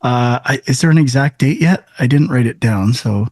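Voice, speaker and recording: A man co-hosting a gaming podcast, leading the rundown in a halting, chatty way. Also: mid-range voice, darkish tone, dry recording. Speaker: podcast co-host. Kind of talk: casual chat.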